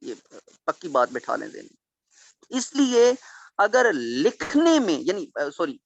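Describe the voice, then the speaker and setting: A man's voice: high voice, a bit bright, no echo. A male teacher giving a classroom lecture, questioning students and patiently repeating key points. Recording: dull dry recording.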